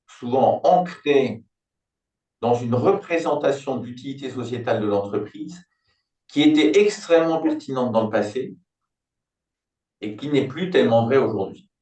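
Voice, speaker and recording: A man's voice: mid-range voice, a little mellow. A man in his sixties, a business consultant, explaining his thinking in a reflective, conversational way with everyday examples. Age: 60s. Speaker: business turnaround consultant, company founder. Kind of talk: conversational interview. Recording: roomy, distant mic.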